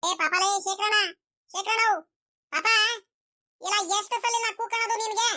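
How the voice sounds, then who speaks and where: A woman's voice: extremely high pitch, moderate pace. A woman voicing an impatient, fussy old village mother in a cartoon, speaking. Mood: impatient scolding. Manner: scolding, calls out loudly.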